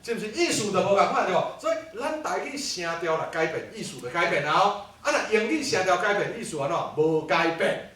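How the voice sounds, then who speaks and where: A man giving an animated classroom lecture, peppered with rhetorical questions. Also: sits high, brisk. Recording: echoey hall from far off.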